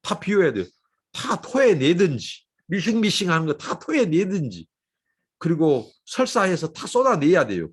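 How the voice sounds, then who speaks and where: A male pastor from Korea preaching a sermon with passion, swinging between loud urging and soft, hushed asides. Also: fairly high pitch, husky. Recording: livestreamed dawn sermon.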